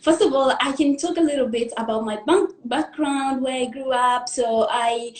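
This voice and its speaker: A young adult woman from the Democratic Republic of the Congo, speaking in a high, slightly mellow voice, recounts her life story as a guest in a live interview. She talks earnestly but haltingly, pausing to collect her thoughts, and the sound is roomy.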